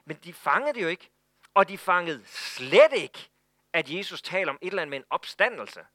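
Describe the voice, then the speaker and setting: High, bright-voiced preacher. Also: male voice, no room sound. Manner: animated storytelling, frequent stammered repeats. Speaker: pastor. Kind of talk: sermon.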